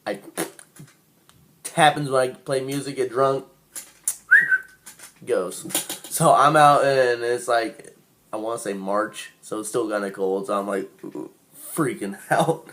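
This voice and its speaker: A man's voice: medium pitch, steady tone, slow pace, pauses often, fairly bright tone, a little hiss or hum. Young man laughing through a crude story. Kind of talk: casual personal anecdote.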